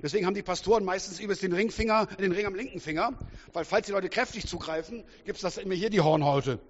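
Lively, joking man preaching a sermon. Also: sits high, fast talker, husky. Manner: lively, humorous, theatrical, talks to the congregation. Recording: dull sound with long hall reverb.

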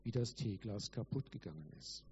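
A man's voice: on the low side, expressive, normal speed, darkish tone, muffled recording, slight background noise, natural voice. A man reading the lines of the child Jesus in a story, with an earnest, emphatic manner. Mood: gentle. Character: the child Jesus, gentle and kind.

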